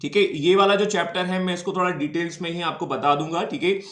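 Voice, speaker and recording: A man's voice: sits high, steady tone, quick pace, fairly bright tone, reverberant. A male teacher gives an exam-prep history lecture, explaining step by step, mixing Hindi and English and checking that students follow.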